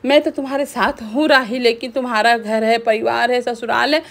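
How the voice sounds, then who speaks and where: A woman reading out the lines of a calm, wise mother who lectures her family, in a plain voice close to her own. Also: fairly high pitch, normal speed, creaky. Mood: advising.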